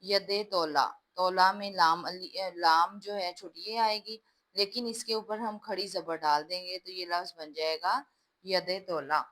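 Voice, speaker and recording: A woman's voice: fairly low pitch, steady tone, unhurried, fairly bright tone, rough recording. A woman teaching a class, patiently spelling out words letter by letter and explaining how each one is written. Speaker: Urdu teacher.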